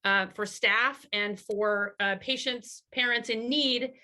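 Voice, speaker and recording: A woman's voice: fairly high pitch, fairly even intonation, slow, pushed and bright. A woman on a video call summarizing her breakout group's ideas at a community meeting, with many fillers and restarts.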